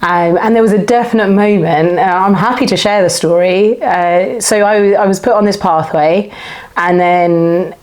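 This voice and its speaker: A woman in her forties is being interviewed and shares her personal journey. She speaks openly and reflectively, in short, connected phrases. Her voice sits at an ordinary mid-range pitch. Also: normal speed, a little mellow. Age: 40s. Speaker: guest. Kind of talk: candid personal storytelling.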